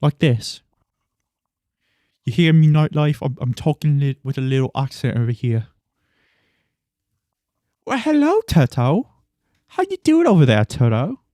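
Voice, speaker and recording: A cheery, hammy mock-English gent, as a man puts him on for his stream chat, booming and bouncy with lively swings in pitch. He greets people loudly and theatrically, pitched a little high. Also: measured pace, long pauses, dry recording, clean studio sound. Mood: playful. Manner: loud, playful greeting to chat.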